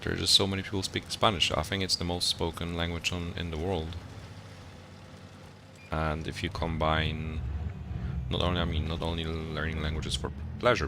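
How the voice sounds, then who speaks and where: Game music plays as a young Polish streamer with a rumbling low voice greets his viewers and chats with them. A university student speaking with a Polish accent, Polish being his first language, he thinks aloud while hunting for words over a noisy background.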